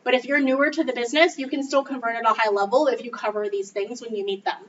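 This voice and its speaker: A woman's voice: on the high side, fairly even intonation, fast. A woman trainer giving an upbeat, casual coaching talk to a group in a meeting room. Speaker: real estate trainer. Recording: distant, dull mic with faint noise.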